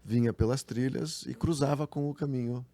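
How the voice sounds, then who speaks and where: A man's voice: medium pitch, normal speed, dark tone. A man co-hosting a casual history chat show, telling history with hesitant fillers and restarts. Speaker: co-host, history storyteller.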